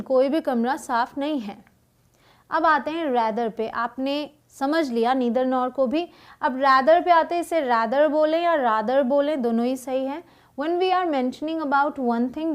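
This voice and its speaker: High-pitched woman, grammar teacher; slow deliberate example sentences, quick check-in asides. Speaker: English teacher. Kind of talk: spoken grammar lesson.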